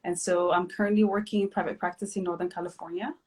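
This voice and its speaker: A woman from Ethiopia in her thirties, hosting a casual live chat, relaxed and chatty with many fillers. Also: fairly low pitch, fast talker. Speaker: host, physician.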